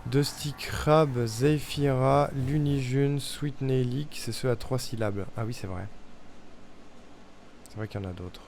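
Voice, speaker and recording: A man's voice: medium pitch, slow pace, darkish tone, faint music behind. A young man streaming a puzzle game, thinking aloud in casual chat as he tests guesses and mutters to himself. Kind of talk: casual live-stream commentary.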